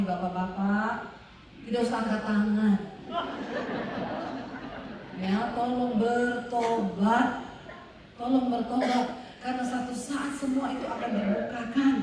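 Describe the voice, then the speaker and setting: A woman pastor preaching an animated sermon, telling stories and calling out to the congregation. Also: a little high, noisy background. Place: large revival hall. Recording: echoey hall, mic at a distance.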